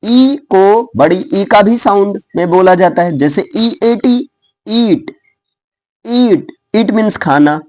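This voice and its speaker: A man with an Indian accent gives a lively classroom explanation of English pronunciation, checking in with his class. He spells each word slowly, letter by letter, then says it. His high voice is a little mellow, on a dry recording.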